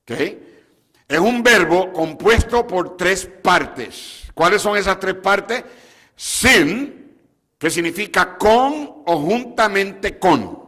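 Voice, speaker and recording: A man's voice: high voice, animated, slow, bright, forceful tone. A man preaching a sermon as a pastor to his congregation, asking them questions and slipping English words into his talk. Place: church sanctuary. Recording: long hall reverb.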